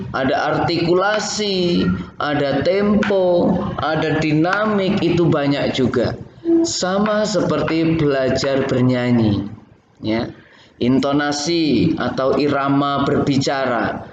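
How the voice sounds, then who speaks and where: Slow-spoken man teaching in an echoey room. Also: a little high, a little hiss or hum. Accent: Indonesian. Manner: slow, explanatory, addresses students directly. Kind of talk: theater lesson. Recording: echoey room, slightly dull sound.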